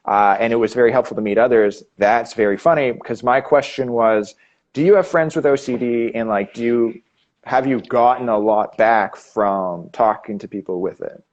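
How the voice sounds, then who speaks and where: A Canadian man with a medium-pitched voice hosts a live chat in lo-fi sound. He talks casually but haltingly, with many restarts and fillers.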